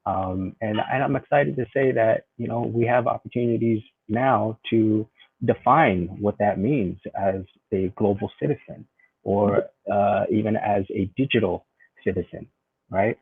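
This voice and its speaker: An American man in his forties, a guest on a conversational interview, speaks thoughtfully over a tinny, phone-like video call, with frequent fillers and restarts. His fairly low, husky voice is a little slow, with no echo.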